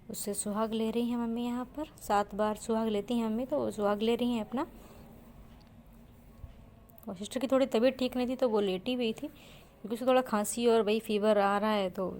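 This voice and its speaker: A young woman vlogger talks through her video in a soft, chatty voice-over. Her pitch sits in the middle range, and faint noise hums behind her. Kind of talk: vlog voice-over narration.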